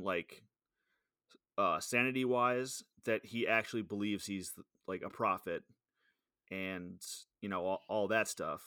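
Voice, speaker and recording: Low-voiced, profane man chatting. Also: pushed and bright, no room sound, studio quality. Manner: profane, rambling with frequent restarts. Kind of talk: casual chat.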